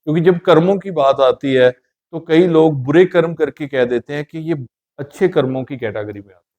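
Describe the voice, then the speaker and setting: A man's voice: on the high side, normal speed, a little mellow. A middle-aged man speaking as a guest in a casual interview, telling his views in an earnest, reflective way. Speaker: podcast guest.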